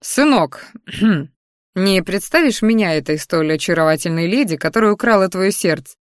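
A woman's voice: lowish voice, lively intonation, moderate pace, dry recording, clean studio sound, natural voice. A woman voicing a courteous, good-natured middle-aged father with a sly, teasing manner in a story.

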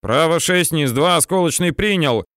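A man voicing a male tank gunner who shouts short firing callouts. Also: on the high side, animated, normal speed, dry recording, clean studio sound, pitched above the performer's own voice. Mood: crisp shouting.

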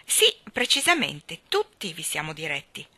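A woman voicing a prim, brisk young nanny in a storybook reading, speaking crisply and with command. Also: deep voice, huge pitch swings, pushed and bright, no room sound, exaggerated voice.

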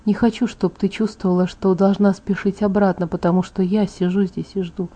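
A woman voicing a calm, protective young male vampire in an audiobook, speaking in a soft, restrained murmur. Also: a little fast, lightly acted. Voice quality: soft, hushed. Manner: low murmur, gentle and restrained. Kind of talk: audiobook character voice. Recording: dull lo-fi audiobook MP3.

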